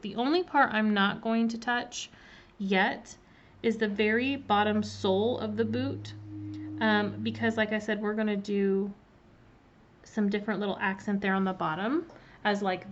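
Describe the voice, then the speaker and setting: Friendly woman instructor on a live stream, mid-pitched, slightly muffled laptop audio with a faint hiss. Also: fairly even intonation, measured pace. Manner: chatty, greets viewers by name, filler ums. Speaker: cookie decorating instructor. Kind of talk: casual live-stream demonstration. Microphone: laptop mic.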